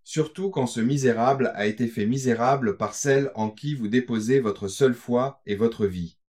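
A man's voice: mid-range voice, normal speed, darkish tone, lightly acted. A man reading aloud, voicing a bitter, ruined Spanish coachman who gives solemn warnings in an audiobook. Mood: grave warning.

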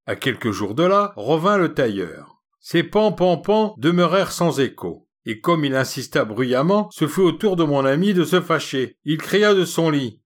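A man narrating a humorous short story in a measured, wry manner. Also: fairly high pitch, animated.

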